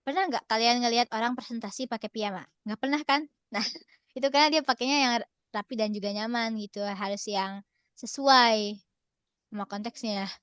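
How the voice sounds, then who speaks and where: A woman's voice: fairly high pitch, steady tone, moderate pace, fairly bright tone, clear, resonant tone, no room sound. A young woman presenting an online workshop from a relative's home in a casual, cheerful way, often laughing and slipping in English phrases. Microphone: video call.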